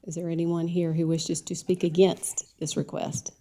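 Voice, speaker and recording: A woman with a low, mellow voice chairs a county council meeting. She runs the proceedings in a relaxed, polite way, calling speakers forward and inviting questions. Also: normal speed, a little hiss or hum.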